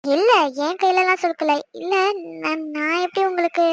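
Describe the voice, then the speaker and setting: A woman's voice: very high-pitched, fairly even intonation. A woman voicing a stubborn, outspoken young cartoon wife. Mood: insistent. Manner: pleading and arguing, quick and insistent.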